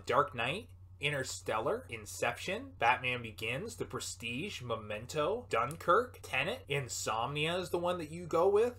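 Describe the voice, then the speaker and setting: A man's voice: on the high side, bright, forceful tone, husky, exaggerated voice. A young man playing an obsessive movie fanboy and reviewer who rants profanely about films. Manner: ranting, profane hot takes. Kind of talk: short film acting.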